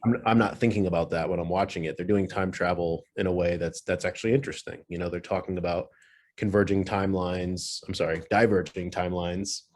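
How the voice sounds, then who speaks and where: Deep-voiced man in casual podcast chat. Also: steady tone, brisk, a little mellow. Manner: rambling, restarts often. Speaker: podcast co-host.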